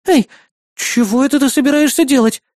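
A man's voice: very high-pitched, a little fast, mellow, dry recording, studio quality, pitched above the performer's own voice. A man voicing a bossy, jealous young woman in an audiobook, scolding and bickering. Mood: indignant. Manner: indignant, bickering. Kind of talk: audiobook character voice.

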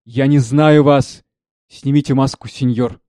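A man's voice: medium pitch, steady tone, a little slow, mellow, no room sound, close to an everyday voice. A man reading aloud, voicing an old, scarred male knight who rambles on in grief. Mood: grieving. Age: older. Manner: grieving, rambling.

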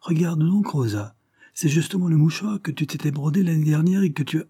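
An eager young woman , done by a male reader, bursts out with excitement. His voice jumps well above its usual pitch, still husky and dry. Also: brisk. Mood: excited. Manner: excited, exclaiming.

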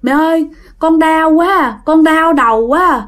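A woman's voice: very high-pitched, a little slow, fairly bright tone, pitched above the performer's own voice. A woman voicing the ghost of a young man who begs his mother about his aching head, in a whimpering, repetitive way. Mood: pained pleading. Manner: whimpering, repeating complaints. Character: dead young man's ghost, in pain, pleading.

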